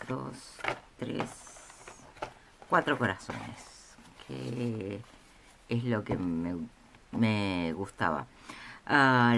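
Her voice is deep bass with vocal fry, and she talks slowly and haltingly, full of pauses and fillers. This craft vlogger is showing off a haul at an indoor table, staying off-screen while a camera films the tabletop from above. Crinkling packaging fills the noisy room.

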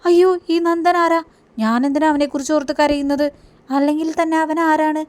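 A woman voicing a flustered young woman who denies she was crying, in a shrill, defensive tone. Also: steady tone, brisk, close to an everyday voice.

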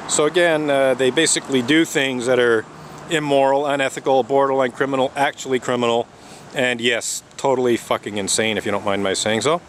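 A man's voice: fairly high pitch, fairly bright tone, a little hiss or hum. A man speaking outdoors to a handheld camera in an unscripted, indignant commentary, stressing his points with repeated lists and occasional swearing. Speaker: protester vlogging. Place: outdoors on a city street.

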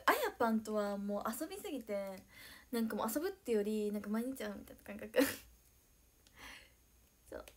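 A young woman chatting on a livestream, excitable and giggly, thanking viewers by name as she reads their comments. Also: medium pitch, a little fast, long pauses. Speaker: idol livestreamer. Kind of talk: casual livestream chat reading viewer comments.

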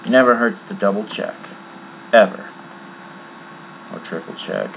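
A man giving a casual, rambling screen-recorded software tutorial from his computer at home, with many fillers. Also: fairly low pitch, a little slow, creaky, slight background noise, rough recording. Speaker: tutorial maker.

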